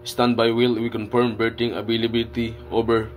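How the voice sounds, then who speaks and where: A man's voice: medium pitch, little pitch movement, a little fast, faint music behind, lightly acted. A man playing a port control operator, giving formal, procedural marine radio replies in a school exercise. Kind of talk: scripted marine radio exchange.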